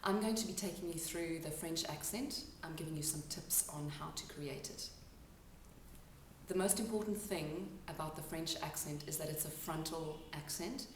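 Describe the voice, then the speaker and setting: A woman with a low voice teaches an accent lesson, breaking each sound down patiently. She is recorded in a reverberant room with the mic set back from her. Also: slight background noise. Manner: explanatory, pauses to demonstrate sounds. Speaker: accent and dialect coach. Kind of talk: instructional talk to camera. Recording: echoey room, mic at a distance.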